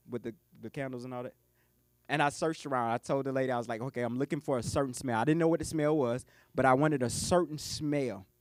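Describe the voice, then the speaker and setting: A man's voice: mid-range voice, dry recording, clean studio sound. A man who coaches businesses, giving a live keynote talk at a conference lunch. He jokes and talks straight to the audience.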